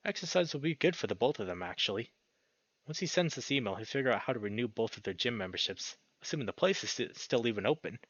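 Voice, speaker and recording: With lively intonation and a quick pace, a man with a medium-pitched, slightly bright voice narrates a visual novel for a let's play, reacting with excited outbursts. There's no room sound, but the audio is dull and lo-fi, with game music in the background.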